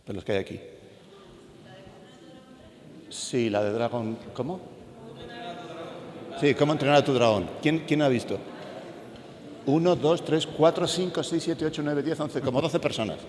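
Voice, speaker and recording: A man with a Castilian Spanish accent gives an informal talk as an animator and panel speaker in a school event hall, sharing anecdotes and putting questions to the audience. His voice is a little high and darkish, at a moderate pace with frequent pauses. The hall echoes and there is some background noise.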